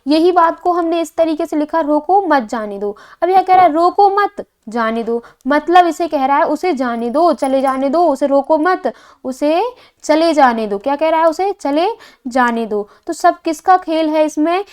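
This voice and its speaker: A young woman with a high voice teaches an exam coaching lesson. She keeps asking her class a question and then answering it herself, repeating each key point with plenty of fillers. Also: moderate pace, a little mellow.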